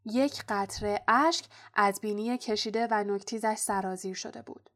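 A woman narrating a storybook aloud in a steady, expressive reading voice. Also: medium pitch. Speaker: audiobook narrator.

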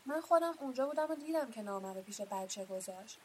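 A woman reading as Hagrid, gruff giant. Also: fairly high pitch, animated, a little hiss or hum, natural voice. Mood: emphatic. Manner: loud, blunt, indignant. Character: huge gruff male gamekeeper, quick-tempered.

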